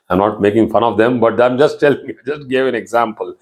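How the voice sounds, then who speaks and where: This South Indian man, an astrology teacher, speaks quickly at medium pitch while giving an online class lecture in South Indian English. His style is explanatory, full of repeated words, restarts and frequent "you know"s.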